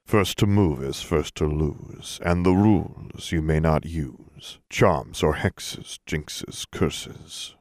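A man voicing a very old male wizard with a deep, resonant voice in an audiobook, speaking in a slow, low, rhythmic chant. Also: darkish tone, no echo, clean studio sound, heavily acted. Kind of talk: audiobook character voice.

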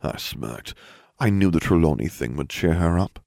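A man narrates a story in a low voice that rises and falls a great deal. His reading is wry and expressive, and the recording is dry and close-miked. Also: normal speed, creaky, dry recording. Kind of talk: audiobook reading of fan fiction.

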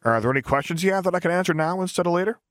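A man's voice: high voice, animated, rapid-fire, fairly bright tone, dry recording, clean studio sound, voice pushed up. A man voicing a cheerful, boyish young male engineer who talks in an upbeat, earnest way.

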